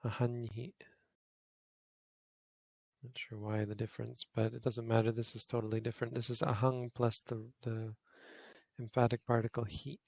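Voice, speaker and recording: A Buddhist monk explains grammar to a study group in a relaxed, thinking-aloud way, often stopping to correct himself. His voice is mid-pitched with a gravelly edge. It sounds close and dry, with no room around it. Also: normal speed, dry recording. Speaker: Buddhist monk teaching Pali.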